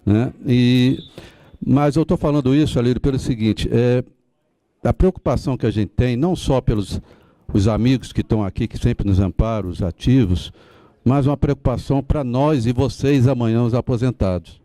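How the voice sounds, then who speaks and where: Addressing a meeting informally, a tired Brazilian retired police officer of seventy, now an association advocate, rambles sentimentally. The man's mellow, mid-range voice moves at a normal speed with no echo.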